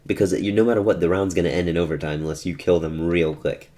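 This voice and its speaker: A gaming tutorial host with a low, dark voice talks fast, casually commenting over footage of his own match. He rambles and frequently corrects himself while explaining.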